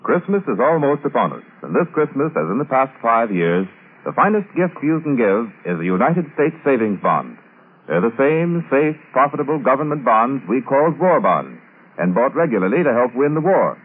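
A man's voice: mid-range voice, very animated, moderate pace, slightly rough. A man reading a persuasive scripted radio announcement in 1940s style, heard from an old broadcast disc. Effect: old broadcast disc sound. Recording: tinny, narrow-band old radio transcription.

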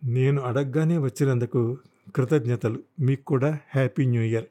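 A man's voice: mid-range voice, fairly even intonation, normal speed, mellow, lightly acted. A man voicing a bitter, vengeful young man who speaks in a tense, restrained way, in an audiobook. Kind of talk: audiobook character voice.

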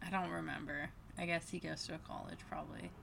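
A woman's voice: deep voice, fairly even intonation, quick pace, gravelly, fairly bright tone, slight background noise. A woman hosting a casual fan podcast, chatty and laughing as she retells scenes. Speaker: podcast host.

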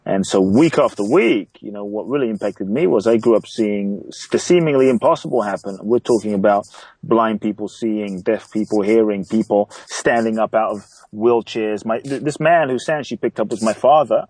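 A man's voice: on the low side, normal speed, darkish tone, breathy edge, no room sound, poor audio. A man from London, a coach guest, telling his story in an earnest, reflective way with frequent repeated words. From grew up in London. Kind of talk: interview storytelling.

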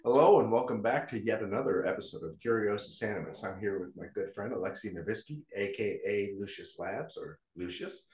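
A man's voice: lowish voice, brisk, hardly any pauses, darkish tone. A man hosting a casual interview, his voice ringing with a heavy canyon-like echo from a new, echoey location, often checking in with "right?" and "correct?". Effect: heavy echo, like talking in a canyon. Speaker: podcast host.

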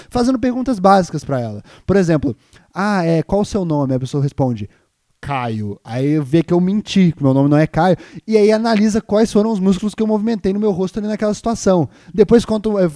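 A man's voice: sits high, no room sound, clean studio sound. A young man hosting a podcast, ranting in a comedic, exaggerated, mock-outraged way. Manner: exaggerated, mock-outraged, shifts between loud and mumbled. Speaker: podcast host. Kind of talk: comedic rant on a live stream.

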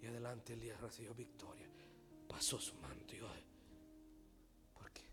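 A man preaching a sermon, swinging from loud, fast preaching to hushed whispers. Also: medium pitch. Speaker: pastor. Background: music playing.

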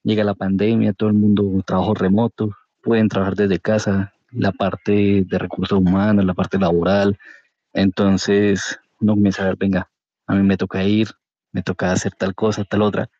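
Mellow Colombian man, dull recording. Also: low voice, flat delivery, moderate pace, no echo. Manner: colloquial. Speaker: podcast guest, career changer into programming. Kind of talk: casual personal storytelling. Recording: dull, lo-fi audio.

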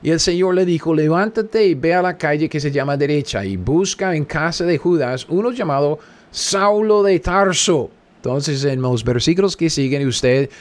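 A man's voice: a little high, expressive, normal speed. Man teaching scripture, emphatic repeats. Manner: reads scripture aloud, repeats phrases for emphasis, checks in with "¿ok?". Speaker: Bible teacher. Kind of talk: Bible study teaching.

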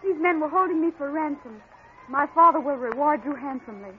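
A woman's voice: high-pitched, lively intonation, brisk, phone-quality sound. An actress playing a young woman freed from kidnappers, pleading and breathless, in a 1940s radio drama. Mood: grateful. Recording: scratchy old radio recording.

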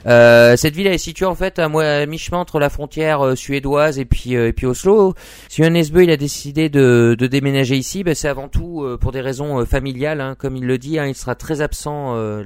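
Man, podcast host, smooth voice, dry sound, casual chatty delivery. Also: mid-range voice, fairly quick, no echo. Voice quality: smooth, lots of "hein" fillers. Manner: chatty, laughs easily, joking. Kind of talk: casual sports podcast chat.

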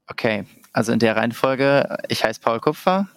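A German company founder in his thirties chats casually as a podcast guest, full of fillers and restarts. His medium-pitched voice is expressive with some vocal fry, at a normal pace, and the sound has no echo.

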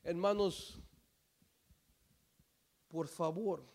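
Male preacher, fairly high voice, fervent sermon that swings from loud to hushed, some English mixed in. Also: fairly even intonation, extremely slow, gravelly. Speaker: pastor.

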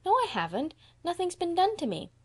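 For an audiobook, a woman voices a small, mischievous boy who sounds earnest, guilty and blunt, his speech full of emphatic, childish grammar mistakes. She pitches her exaggerated voice extremely high, well above her own, swooping wildly and talking fairly fast in a miserable, pleading tone.

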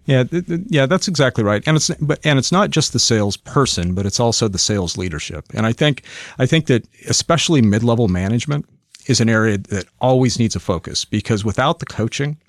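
A man talking as a podcast guest, measured and thoughtful, often repeating words as he works out a point. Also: mid-range voice, expressive, no room sound, studio quality. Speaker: podcast guest, sales executive. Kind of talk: podcast interview.

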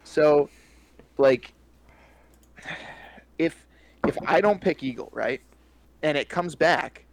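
A man's voice: fairly high pitch, slow pace, dry recording. A man co-hosting a podcast, rambling and hesitating casually, laughing often during a fantasy draft. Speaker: podcast co-host.

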